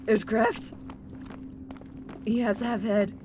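A woman's voice: fairly high pitch, flat delivery, slow. A woman in casual gaming chat, playful and mock-pleading with friends. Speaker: streamer player. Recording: noisy voice-chat mic.

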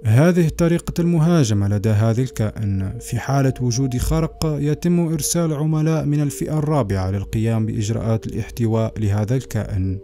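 A man's voice: mid-range voice, fast talker, dark tone. A man hosting and narrating scripted creepy stories. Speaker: channel host and narrator.

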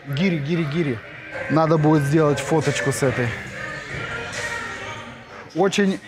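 Thirties male fitness vlogger, lightly high voice, eager chatty gym tour, music bed underneath. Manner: enthusiastic, chatty, hesitant fillers. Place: large indoor gym. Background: background music.

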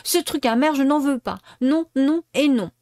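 A woman's voice: expressive, normal speed, no room sound, clean studio sound, natural voice. A woman voicing a cheeky, stubborn wooden puppet boy in a storybook reading, whiny and pleading. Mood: sobbing. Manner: whiny and pleading, high and loud.

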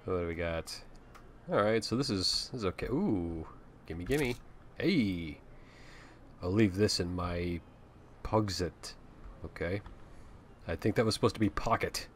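Deep-voiced joking gaming host. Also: male voice, unhurried, pauses often, slight background noise. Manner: joking, profane, offhand. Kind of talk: casual let's-play commentary.

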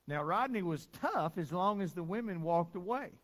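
A middle-aged man leads a church service in a folksy sermon full of personal stories. He talks conversationally and chuckles now and then. His voice sits somewhat higher than most men's. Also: expressive, normal speed. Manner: down-home, chuckling, conversational preacher. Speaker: pastor.

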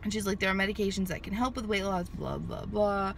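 A woman in her thirties vlogs from a car parked in a sunny lot, talking casually into a handheld phone at arm's length. She speaks at medium pitch in a steady, brisk, slightly bright voice with vocal fry, rambling with many fillers and restarts; there's a little background noise.

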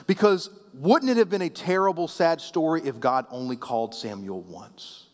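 A man preaching a sermon as pastor, conversational and playful with the congregation, often dropping soft and low at the ends of phrases. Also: lively intonation, moderate pace. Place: church sanctuary. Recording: long reverb of a church hall.

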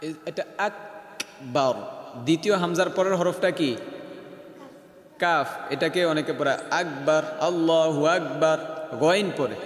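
A male Quran recitation teacher teaching a class. He questions his pupils and then slowly chants each word as a model for them. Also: on the high side. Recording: echoey hall with long reverb.

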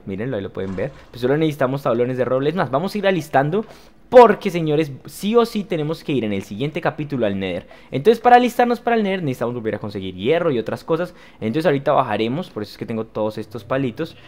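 Lively young man narrating a game. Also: mid-range voice. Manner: lively, exclamatory, talks to viewers as "señores". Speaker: gaming youtuber. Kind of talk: casual let's play commentary.

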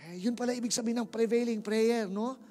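A man's voice: extremely high pitch, fairly even intonation, fast talker, warm tone, faint music behind. A male pastor with a Filipino accent preaching a sermon in a church, emphatic, repeating words and calling on the congregation to answer back.

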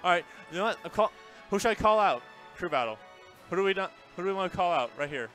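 A young man calls a gaming tournament from a headset in a small venue room, laid-back and chatty with a joking streak. His voice sits a little high and sounds bright. Faint music plays behind him. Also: lively intonation, fast. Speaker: esports commentator. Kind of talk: live tournament commentary. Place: small game center room with shelves.

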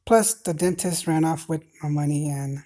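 A man in his thirties from Cambodia, rambling to a phone camera with many pauses and fillers while lying on a bed in a dim bedroom. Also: on the high side, dark tone. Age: 30s. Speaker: vlogger. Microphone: phone held at arm's length.

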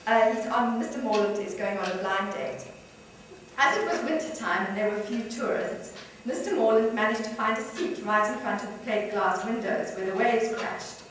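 A woman's voice: mid-range voice, moderate pace, slight background noise. Woman novelist reading in an echoey hall. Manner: warm, amused, with light laughter between passages. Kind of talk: author reading from her novel. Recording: echoey room, far from mic.

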